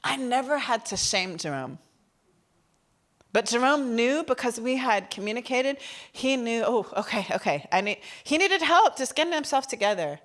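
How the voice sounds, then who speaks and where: A woman's voice: fairly high pitch, moderate pace. A woman who once taught school gives a keynote talk, telling stories with playful asides. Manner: storytelling, animated, playful asides. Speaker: keynote speaker and former teacher.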